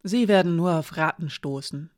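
A reader voicing a calm, self-assured woman who speaks quietly and steadily, in a dry audiobook reading. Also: medium pitch, moderate pace, no room sound, close to an everyday voice. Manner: calm and soft-spoken.

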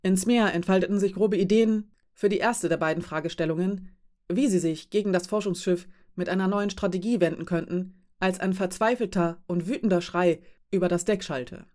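A woman narrating a fantasy story as an audiobook reader, in an even, measured way. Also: lowish voice.

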